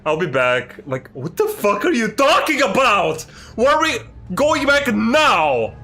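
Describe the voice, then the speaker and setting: A man streaming a video game, ranting and swearing in exasperated, loud commentary about the story. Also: very high voice, huge pitch swings, a little slow. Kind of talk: live gameplay commentary.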